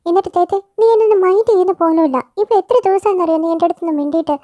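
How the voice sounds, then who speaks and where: A woman's voice: very high-pitched, rapid-fire, dark tone, dry recording, muffled recording, voice pushed up. A woman voicing a jealous, pouting younger sister in a fan-made audio story. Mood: sulky. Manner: pouting, complaining.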